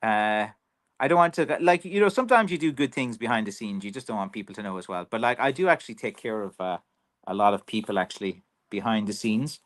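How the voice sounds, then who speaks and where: A man's voice: fairly low pitch, expressive, fast. An Irish man talks loosely and at length on a livestream, drifting from one thought to the next. His sentences restart often and are padded with easy fillers. He sounds like a craftsman chatting freely with his viewers. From Ireland. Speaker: professional stick maker. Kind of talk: casual livestream chat reading viewer comments.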